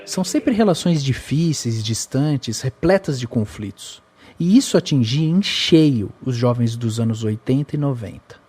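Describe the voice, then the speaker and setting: A man with a Brazilian Portuguese accent giving measured, explanatory scripted narration for a film podcast. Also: medium pitch, expressive, darkish tone, slightly rough.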